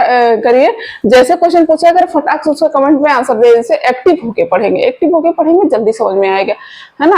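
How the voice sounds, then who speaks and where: A woman with a high, light voice giving an online chemistry lesson. She talks informally and keeps firing quick questions at her students, coaxing them to answer straight away. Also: a little mellow, rough recording. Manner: chatty, asks the viewers quick questions. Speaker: chemistry teacher.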